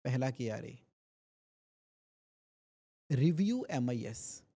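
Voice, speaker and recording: A man from India speaks as a guest on a podcast interview, explaining business finance in a mellow, warm-toned voice. His delivery is animated, full of homely examples and repeated phrases, with a pitch that sits in the middle range. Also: extremely slow.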